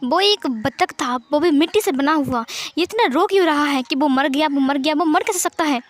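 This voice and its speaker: A woman's voice: high-pitched, normal speed, lightly acted. Woman doing a grumpy curt young man. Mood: irritated. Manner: curt, muttered. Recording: faint background music.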